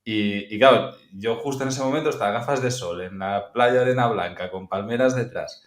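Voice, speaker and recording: A man hosting a podcast, asking questions in a relaxed, chatty way. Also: on the low side, a little fast. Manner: relaxed, chatty, many fillers. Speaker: podcast host. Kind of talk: casual interview chat.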